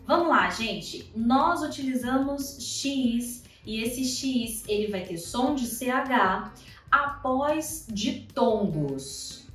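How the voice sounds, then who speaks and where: A woman with a Brazilian Portuguese accent teaching an online Portuguese lesson, chatty and lively, drawing out example words slowly. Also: fairly high pitch, far from the mic. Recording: echoey room, voice off-mic, faint music.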